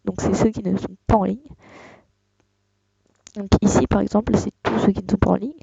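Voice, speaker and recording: Young tutorial host, gravelly and mellow, hesitant delivery, dull dry desktop mic sound. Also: mid-range voice, dry recording. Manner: hesitant, many fillers and restarts. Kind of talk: casual screen-recorded tutorial.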